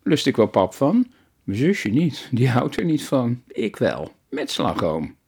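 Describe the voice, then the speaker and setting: Man doing a fast-talking eager boy. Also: mid-range voice, very animated, gravelly, a little mellow, slightly rough, full character voice. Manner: talks fast, blurts things out. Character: eager blurting boy of about eleven.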